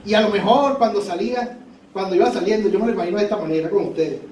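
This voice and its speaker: A male preacher with a lilt delivers a fervent sermon in a strikingly high voice. He circles back on his phrases for emphasis. The sound reaches a distant mic in a reverberant church hall over a faint hum. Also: fast talker, darkish tone.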